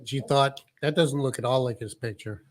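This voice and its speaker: A man's voice: mid-range voice, moderate pace. Wisecracking middle-aged man. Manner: wisecracking, dry jokes. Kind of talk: casual radio-style chat.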